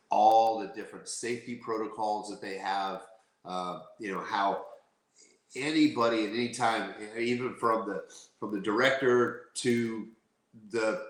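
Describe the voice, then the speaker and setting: A man's voice: on the low side, fairly bright tone. A man speaking as a guest in a casual interview, rambling with restarts. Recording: roomy echo.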